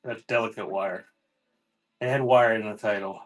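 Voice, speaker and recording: With a fairly low, steady voice at normal speed, a man runs a live online auction for cassette tapes. He announces the items in loose, off-the-cuff sales talk.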